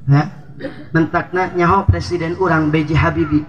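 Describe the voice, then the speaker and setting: High-voiced Sundanese preacher joking. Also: male voice, steady tone, moderate pace, dull audio. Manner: joking, switching between Sundanese and Indonesian, asking the crowd. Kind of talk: humorous sermon. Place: outdoor village religious gathering.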